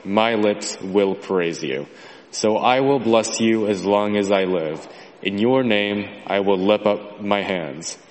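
Low-voiced man reading under cathedral echo. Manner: slow, measured and solemn. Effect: cathedral echo, heard from far off. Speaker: scripture reader. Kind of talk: liturgical scripture reading. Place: large church sanctuary. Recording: far-off voice in a long-reverb church hall.

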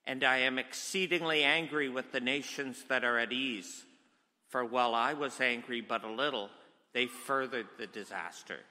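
A man's voice: mid-range voice, normal speed, bright, forceful tone. A man giving a solemn, declamatory scripture reading in a church. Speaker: scripture reader. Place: large church, indoors. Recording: church hall with long reverb.

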